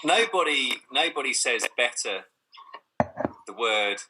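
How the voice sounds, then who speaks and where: A man chatting jokily over a video call, animated and laughing. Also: medium pitch, noisy background. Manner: jokey, animated, drawn-out laughs. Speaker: guest. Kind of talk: casual chat.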